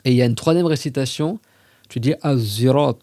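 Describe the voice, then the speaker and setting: A man explaining religious texts in a relaxed, conversational way, as if chatting with younger listeners. His voice is mellow and warm. The sound is close and dry, with no room around it. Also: medium pitch, dry recording. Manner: conversational, recites Arabic verses slowly and carefully. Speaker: religious teacher on a podcast. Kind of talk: casual explanatory lesson.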